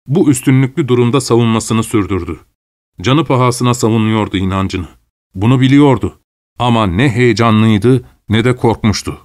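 Man reading a story, measured. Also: medium pitch, darkish tone. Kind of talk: scripted narration.

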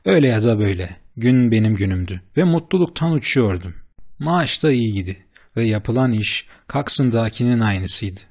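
A man narrating a story in the first person, in a steady, measured reading voice. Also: medium pitch. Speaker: audiobook narrator.

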